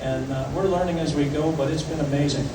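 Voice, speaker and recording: A man speaking as a ship's captain, answering audience questions informally, in a conversational way with deliberate pauses. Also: on the high side, fairly even intonation. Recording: echoey venue, distant, clearly noisy ambience.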